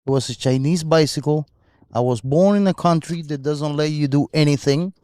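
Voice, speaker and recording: A man's voice: a little high, moderate pace, a little mellow, no echo, clean studio sound. A man who co-hosts a podcast and talks earnestly and motivationally about his life, at times searching for words. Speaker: podcast co-host. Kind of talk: casual podcast chat.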